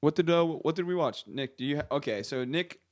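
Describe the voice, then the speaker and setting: A man's voice: on the high side, animated, brisk, dry recording, clean studio sound. A man in his thirties hosting a casual film podcast, telling stories in a rambling, laughing way. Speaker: podcast host.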